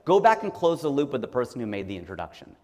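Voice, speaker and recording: In a large hall, a man in his forties from Ohio delivers a stand-up style motivational talk, joking and conversational, acting out the people he quotes. His mid-range voice has a darkish tone, and he speaks quickly and with lots of animation.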